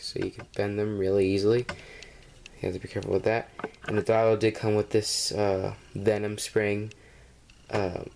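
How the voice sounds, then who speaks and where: A man's voice: fairly low pitch, gravelly, a little mellow, slight background noise. A man with a cold, reviewing a toy in a casual, rambling way, full of ums and uhs, filmed at home on a camera mic. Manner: rambling and hesitant, with many fillers. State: has a cold.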